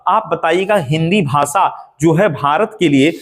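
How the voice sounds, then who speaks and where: Guy teaching exam prep, high voice, keeps asking and repeating answers. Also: unhurried. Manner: drills answers with repeated questions.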